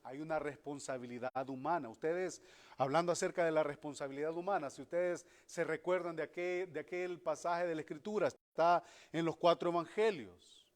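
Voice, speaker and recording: A man's voice: a little high, moderate pace. A man preaching a sermon as pastor, emphatic, acting out the voices he quotes.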